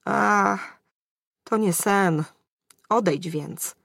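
A woman's voice: mid-range voice, very slow, vocal fry, a bit bright, no room sound, clean studio sound, pitched above the performer's own voice, heavily acted. A woman doing a groaning hungover sorcerer. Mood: sullen. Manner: groaning, pleading. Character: hungover groaning male sorcerer, whiny and sullen.

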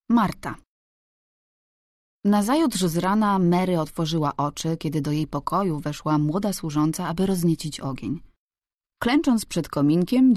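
Mellow low-voiced woman narrating a story. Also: no echo, studio quality. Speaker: audiobook narrator. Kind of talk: scripted narration.

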